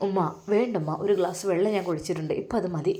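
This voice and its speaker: A woman voicing a heartbroken, torn young man, speaking softly and sorrowfully. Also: on the low side, fast talker, lightly acted. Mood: pleading. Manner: soft, sorrowful inner monologue.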